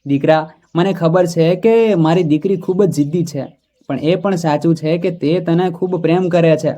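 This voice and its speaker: A man's voice: a little high, normal speed, mellow, lightly acted. A man voicing a weary older father who speaks humbly and pleadingly.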